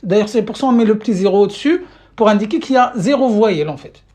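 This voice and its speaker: Woman teacher, livestream lesson, patient and repetitive, middle pitch, talks into a phone mic. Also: expressive, quick pace, dark tone. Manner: patient, repeats questions to viewers, many fillers. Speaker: Arabic teacher. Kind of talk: live-streamed language lesson. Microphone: phone or webcam mic.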